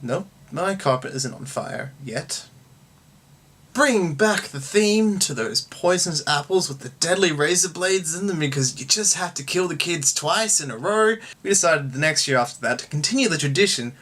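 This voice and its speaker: A man's voice: on the high side, normal speed, husky. Jokey young man vlogging from home. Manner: sarcastic, jokey, lively. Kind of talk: casual comedic storytelling. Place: at home, indoor room.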